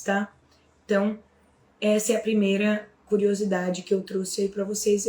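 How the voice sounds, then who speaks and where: A young Brazilian woman explains things to her students in a relaxed, chatty way, with a Brazilian Portuguese accent and plenty of little check-in questions. Her mid-pitched voice rings around a bare, echoey room. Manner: chatty, frequent tag questions and fillers. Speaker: Portuguese teacher. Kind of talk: casual explanatory lesson.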